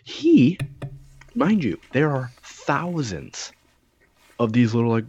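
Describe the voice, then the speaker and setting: A man's voice: medium pitch, big pitch swings, takes it slowly, darkish tone, lo-fi sound, slight background noise. A man in a casual chat, telling stories in a rambling, profane way with lots of fillers.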